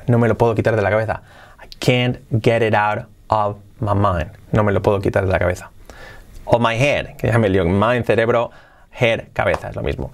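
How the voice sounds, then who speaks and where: A man from Spain hosting a podcast English lesson, switching between brisk explanations and slow, drawn-out example phrases. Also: fairly low pitch. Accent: Spain Spanish. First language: Spanish. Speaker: English teacher.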